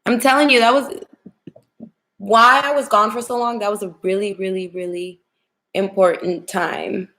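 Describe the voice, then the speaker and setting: Young female livestream host, smoky whiskey voice with heavy fry, getting over a cold, informal direct chat. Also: mid-range voice, steady tone, normal speed, fairly bright tone, rough recording. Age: young adult. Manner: chatty, informal, addressing viewers directly. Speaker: tarot reader hosting a livestream. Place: home kitchen, indoors.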